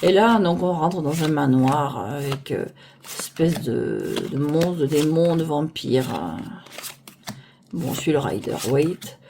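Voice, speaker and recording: Mellow woman rambling over tarot cards. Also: deep voice, lively intonation, slow, slight background noise. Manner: rambling, searches for names aloud. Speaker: tarot deck reviewer. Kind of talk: casual deck presentation. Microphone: phone on a holder arm.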